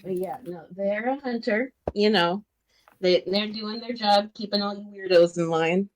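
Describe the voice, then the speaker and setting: A woman's voice: mid-range voice, moderate pace, slight background noise, low-quality recording. A woman playing in a tabletop roleplaying game, heard through an online group voice chat on a cheap laptop mic whose volume sometimes dips. She talks in an easygoing, joking way. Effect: online group voice chat, cheap laptop mic with dipping volume. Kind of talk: casual game chat over voice call. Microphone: laptop microphone.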